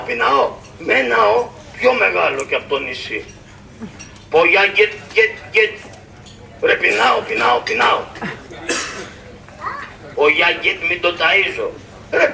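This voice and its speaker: A male shadow puppeteer voicing a starving, cheeky everyman in a live show, with shouted, sing-song comic complaints. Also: on the high side, creaky, full character voice. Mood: shouting. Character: starving, boastful, cheeky poor Greek everyman. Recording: distant live show with loud background noise.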